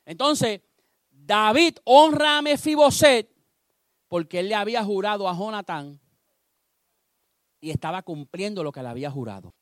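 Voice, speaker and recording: High-voiced animated preacher man. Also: normal speed, pauses often, no room sound, studio quality. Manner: animated storytelling, acting out voices. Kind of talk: sermon.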